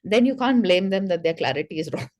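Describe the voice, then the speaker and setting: A woman's voice: on the low side, big pitch swings, quick pace, darkish tone. A woman speech therapist giving an educational talk to parents, explaining in a conversational way and sounding out speech sounds as examples. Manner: addresses listeners directly, conversational asides.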